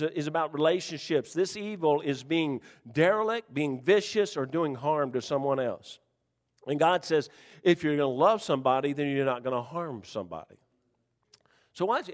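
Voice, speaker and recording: A man preaching a sermon to his church in a folksy, joking way, swinging from loud shouts to hushed, quiet lines. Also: a little high, lively intonation, normal speed, big-room sound. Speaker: pastor.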